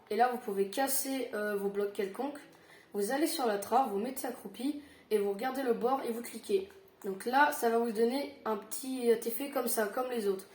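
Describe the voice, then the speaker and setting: A tired woman giving a casual Minecraft building tutorial, halting with fillers and self-corrections. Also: on the high side, a little mellow, reverberant, a little hiss or hum.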